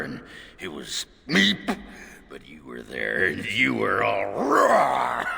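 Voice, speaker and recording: An actor playing a boisterous, crude drunken dwarf warrior in a video game, rambling in a dizzy slur with a gravelly voice. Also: male voice, low voice, sharp tone, big-room sound, full character voice. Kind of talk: video game character acting.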